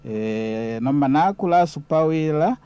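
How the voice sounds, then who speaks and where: Mellow Zambian man, explaining. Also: fairly high pitch, expressive, unhurried, clean tone, no room sound, muffled recording. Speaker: guest explaining history. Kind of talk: conversational history talk.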